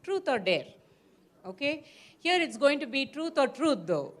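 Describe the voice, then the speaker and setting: A woman's voice: sits high, sing-song, unhurried. A woman moderating a live panel informally, chatty and playful with frequent asides. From Mysore, India.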